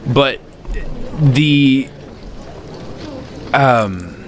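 A man's voice: medium pitch, lively intonation, very slow, faint music behind. A man casually critiquing a movie with a friend, rambling, swearing and losing his thread. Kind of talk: casual movie review chat.

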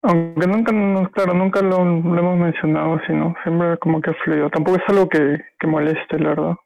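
A man, his voice a little high and gravelly. He talks in a flat, hesitant way, full of fillers and restarts, recorded dry and close. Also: fairly quick, no room sound, muffled recording, soft background music. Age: 30s. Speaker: podcast guest. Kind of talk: casual podcast chat.

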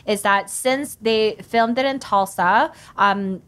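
A woman's voice: mid-range voice, slow pace, a bit bright. A woman co-hosting a podcast, recapping what she read in a casual chat with some swearing. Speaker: podcast co-host.

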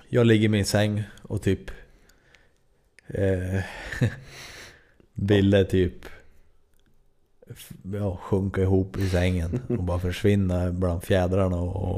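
With a low, mellow voice, this twentysomething Swede spins a loose, meandering story on his podcast, peppering it with filler words and curses.

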